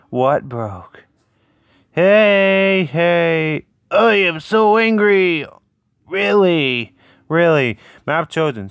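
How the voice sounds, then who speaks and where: Male gameplay host, clear and very slow-paced, casual, reactive, repetitive phrasing. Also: on the high side, dry recording. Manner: excitable, repeats short phrases. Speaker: gaming video host.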